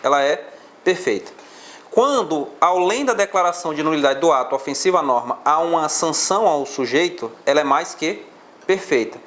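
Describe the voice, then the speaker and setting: A man's voice: fairly high pitch, animated, normal speed, a bit bright. A male law teacher with a Brazilian Portuguese accent, lecturing a class on exam questions and explaining step by step.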